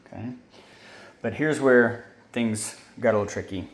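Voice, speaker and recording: A man's voice: lowish voice, measured pace. A man casually walking through his homemade gear setup, rambling and often correcting himself. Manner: rambling, self-correcting, informal. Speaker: hobbyist maker explaining his gear. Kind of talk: casual how-to walkthrough. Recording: roomy sound with faint ambience.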